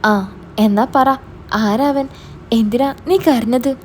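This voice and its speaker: A woman's voice: high-pitched, slow pace, a little mellow, slight background noise. A woman voicing a stern young older brother who questions his sister suspiciously. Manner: stern, interrogating.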